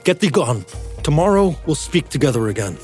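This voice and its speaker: A man's voice: fairly high pitch, big pitch swings, a little fast, a little mellow, faint music behind. A man playing a guilt-haunted king, declaiming Shakespearean verse in swings between terror and bravado. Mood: commanding. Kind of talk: Shakespearean acting.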